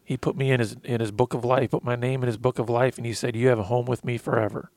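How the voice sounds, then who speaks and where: A man's voice: mid-range voice, flat delivery, fast, a little mellow, no echo. A man in his thirties co-hosting a faith-based talk, earnestly telling his recovery story and quoting scripture with emotion. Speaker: podcast co-host sharing recovery testimony.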